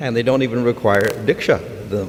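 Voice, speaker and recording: A man giving a scripture lecture in a measured way, pausing between phrases. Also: mid-range voice. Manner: measured, with short pauses. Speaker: spiritual teacher. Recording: reverberant hall with faint noise.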